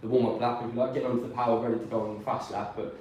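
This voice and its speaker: Racing through his words in a darkish, mid-range voice with little pitch movement, this guest commentator, a racer raised in Peterborough after being born in South Wales, rambles cheerfully about the track. The mic is distant and he's off it in an echoey room, with slight background noise.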